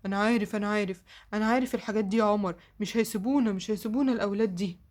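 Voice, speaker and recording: An exasperated cartoon father with an Egyptian accent grumbles at his kids, fast-talking and fed up, as a woman puts him on. He sounds worn down by their demands. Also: medium pitch, a little mellow, pitched below the performer's own voice, natural voice. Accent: Egyptian Arabic. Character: grumbling middle-aged cartoon father Omar.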